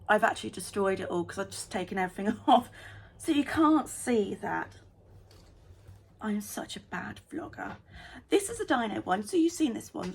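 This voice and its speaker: A woman vlogging in a casual, chatty way, talking fast and getting excited about small things. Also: medium pitch, slightly rough. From United Kingdom. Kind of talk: casual vlog chat.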